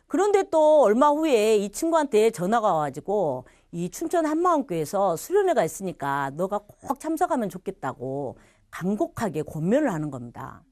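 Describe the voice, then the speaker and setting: Telling her faith story at church, a middle-aged woman from Korea livens it up by imitating others' voices. She speaks at a moderate pace in a mid-range voice, and the recording is dry with clean studio sound.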